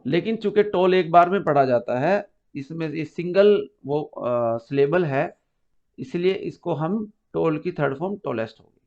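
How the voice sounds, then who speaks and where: A male grammar teacher takes his class through the lesson one step at a time, pausing to quiz his students. His voice sits a little high and his pace is very unhurried. The recording is muffled and lo-fi. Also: expressive. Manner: patient, step-by-step explaining with questions to students.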